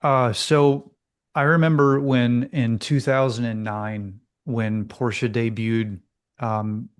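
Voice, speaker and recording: A man's voice: medium pitch, steady tone, slow, clean tone. A man co-hosting a casual car talk show, telling a story with lots of fillers. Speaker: co-host. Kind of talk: casual chat.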